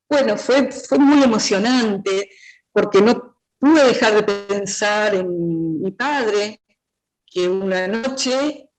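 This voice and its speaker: A woman with a Rioplatense Spanish accent giving a thoughtful, earnest talk at a book presentation, often pausing on "eh" fillers. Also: fairly high pitch, poor audio. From Río de la Plata region. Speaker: prologue writer speaking at a book presentation.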